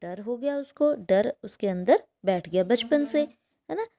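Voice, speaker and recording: A woman's voice: a little high, expressive, measured pace, mellow. Woman teacher explaining a chapter, "है ना?" checks. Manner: reads a passage, then explains it with frequent "है ना?" checks. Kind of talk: explaining a textbook chapter to pupils.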